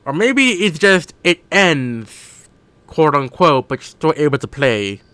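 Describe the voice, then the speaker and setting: Man gaming streamer, slow-paced and rambling, a bright, slightly high voice, close dry mic. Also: sing-song, smooth, no room sound. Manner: rambling, thinks aloud, corrects himself. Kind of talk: casual live-stream commentary while gaming.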